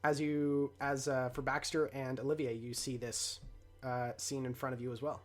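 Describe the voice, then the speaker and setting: A man's voice: medium pitch, little pitch movement, normal speed, faint music behind. A man narrating an improvised tabletop game as the game master.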